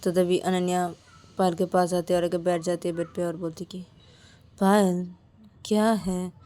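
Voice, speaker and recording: A woman's voice: on the low side, completely flat delivery, brisk, dark tone. Woman telling a romance story. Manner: plain, repetitive linking phrases. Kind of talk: casual storybook narration.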